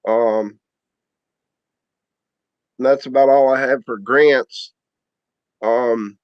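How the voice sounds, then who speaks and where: A man who works on the town roads, reporting to a board meeting over a video call, halting and full of ums and uhs. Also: mid-range voice, clear, resonant tone, no echo. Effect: heard over a video call. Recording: dull lo-fi video call audio.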